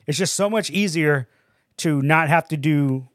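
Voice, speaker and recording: A man's voice: fairly high pitch, unhurried, a bit bright, no echo, studio quality. A man chatting casually as a gaming podcast co-host, talking like a frat bro with plenty of bro, dude and blunt swearing. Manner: frat-bro slang, calls people bro and dude; profane, blunt.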